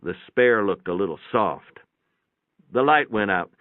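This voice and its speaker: A man narrates a first-person short story in a folksy, plainspoken style. His fairly low voice is animated and unhurried, recorded with boxy room echo and a tinny, phone-like sound.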